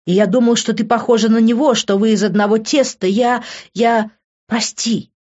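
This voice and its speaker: A woman's voice: on the high side, steady tone, normal speed, a little mellow, pitched above the performer's own voice, close to an everyday voice. Woman voicing a pleading, stammering young man. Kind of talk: audiobook reading. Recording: dull lo-fi recording.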